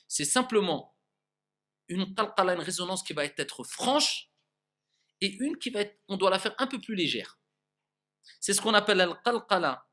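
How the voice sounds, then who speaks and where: A man teaching a recitation lesson, his voice fairly high and bright, with a clear, forward ring. He explains patiently, sounds out each example himself and keeps checking that his class follows. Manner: patient, checks understanding often, demonstrates sounds aloud.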